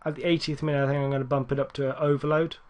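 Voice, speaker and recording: A man giving casual, rambling gameplay commentary, correcting himself often and getting excited at near misses. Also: fairly high pitch, rapid-fire. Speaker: gaming YouTuber.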